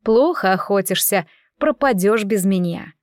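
Casting: a woman doing a grumbling grey tomcat in a storybook, slow teasing lecture, dry close sound. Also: mid-range voice, expressive, no room sound, natural voice. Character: grey house cat, grumbling and patronizing.

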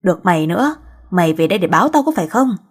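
A woman voicing an angry middle-aged mother who scolds harshly and loudly, in a husky voice. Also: fairly low pitch, big pitch swings, rapid-fire. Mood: furious.

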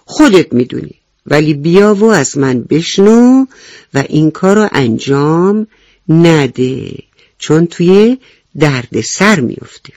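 A woman doing a calm, wise winged ant. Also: low voice, dry recording. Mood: warning. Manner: calm, warning, kindly advising.

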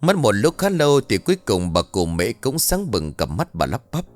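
A man narrating a scripted ghost story in an expressive, dramatic way. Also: medium pitch, moderate pace, dry recording, soft background music.

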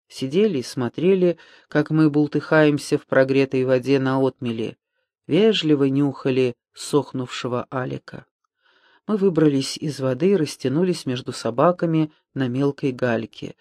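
A man's voice: medium pitch, darkish tone, no echo. Man narrating an audiobook, dry close sound. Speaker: audiobook reader. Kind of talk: scripted narration.

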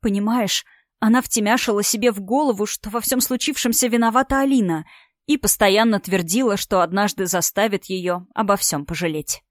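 A woman's voice: mid-range voice, a little fast, no room sound, studio quality, close to an everyday voice. A woman voicing a tearful, distraught young woman who sobs and pleads with a trembling voice in an audiobook story. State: crying. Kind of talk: audiobook character voice.

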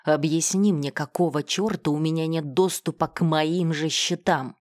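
Woman doing a hot-headed rich guy, harsh and mocking, lowish voice. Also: moderate pace, a little mellow, dry recording, clean studio sound, natural voice. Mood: indignant. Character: hot-tempered wealthy man, domineering, scornful.

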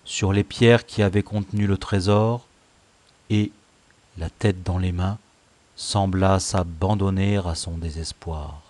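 A man reading a classic novel aloud as an audiobook narrator, measured and expressive. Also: deep voice. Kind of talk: scripted narration.

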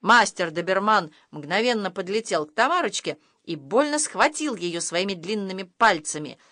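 A woman narrating a children's audiobook in an expressive, animated way. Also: mid-range voice, moderate pace, no echo, studio quality. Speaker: audiobook reader. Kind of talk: scripted storybook narration.

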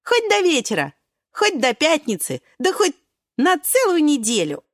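A woman voicing a small, kind and eager pea boy in a storybook who talks excitedly. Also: high voice, a little slow, dry recording, clean studio sound, pitched above the performer's own voice, exaggerated voice.

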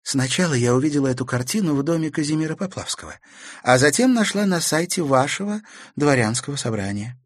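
A steady, probing teenage girl asks pointed questions in a lifted, even voice, as a male narrator voices her. She keeps her composure and presses on. The recording is dry and close. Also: fairly high pitch, a little fast, no room sound, voice pushed up. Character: calm, persistent, inquisitive teenage girl.

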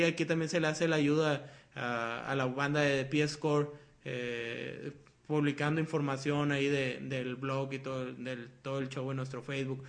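A man's voice: fairly high pitch, a bit bright. A young man with a Mexican accent hosting a casual podcast, talking in a loose, rambling way full of slang and swearing. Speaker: podcast host.

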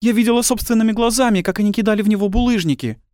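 A man voicing an indignant woman who stands up to police questioning, in a shrill, insistent voice. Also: very fast, darkish tone, no room sound, studio quality, lightly acted.

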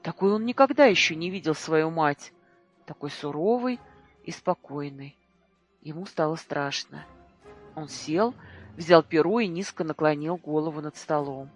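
Audiobook narrator, measured and dramatic, mid pitch, faint music bed. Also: lively intonation. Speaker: audiobook reader.

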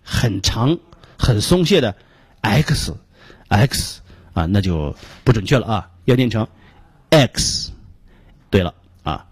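A man teaching English pronunciation on a radio lesson, explaining patiently step by step and repeating sounds slowly to demonstrate them. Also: fairly low pitch, very animated, a little mellow, husky, no room sound.

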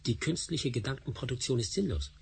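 A man's voice: medium pitch, lively intonation, brisk, gravelly, slight background noise. An actor playing a principled, stubborn male doctor in a radio drama, speaking in an earnest, insistent, formal way. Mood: firm, earnest. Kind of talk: German radio drama acting.

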